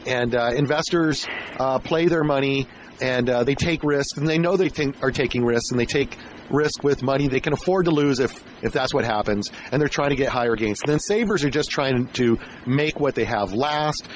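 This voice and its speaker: A man hosting a casual radio interview, rambling haltingly and repeating words as he shapes his questions. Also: mid-range voice, a little hiss or hum. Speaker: radio show host interviewing a guest.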